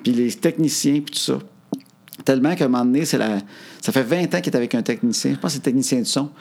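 A man's voice: mid-range voice, fast, creaky. A man with a Quebec French accent, telling stories and asking questions in casual chat. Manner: animated storyteller who asks questions.

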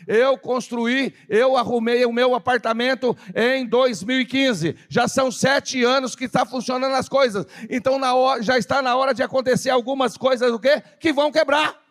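A man preaching a lively sermon in church, firing rhetorical questions and calling for responses. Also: very high-pitched, normal speed, few pauses. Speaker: pastor. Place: church service.

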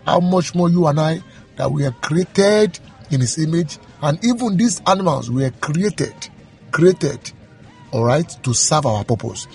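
A man's voice: on the high side, expressive, a little slow, creaky, darkish tone, faint music behind. A man leading fervent prayer, declaring and commanding in rhythmic, repeated phrases. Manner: rhythmic repetition, commanding, emphatic.

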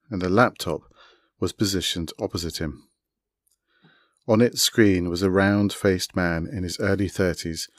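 A man narrating his own short story in a measured, even storytelling manner. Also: sits low, no echo, clean studio sound. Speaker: author reading his story.

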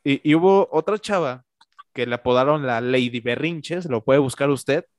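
A man's voice: medium pitch, normal speed, no echo, clean studio sound. A man with a Mexican accent hosting a casual, slangy chat. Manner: slangy, relaxed. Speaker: host.

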